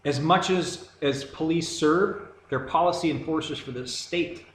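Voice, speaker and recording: A man's voice: fairly high pitch, fairly bright tone. Ranting man in an echoey room. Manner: heated, rambling, sarcastic. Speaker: video commentator. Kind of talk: ranting monologue. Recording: echoey room with faint background noise.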